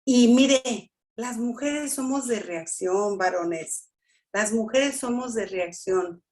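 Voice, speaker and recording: A woman teaching a family workshop in a preaching style. She talks slowly and emphatically, checks in with the audience, and acts out quotes. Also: on the high side, a little mellow. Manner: slow, emphatic, with repeated "¿sí?" checks and acted-out quotes. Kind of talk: preaching talk.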